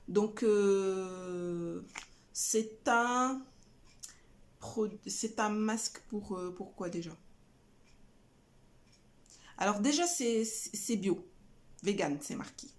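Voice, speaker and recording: A middle-aged woman casually chatting about her shopping haul, hesitant with many fillers and restarts. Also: medium pitch. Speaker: family vlogger showing a shopping haul. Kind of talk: casual haul chat to camera.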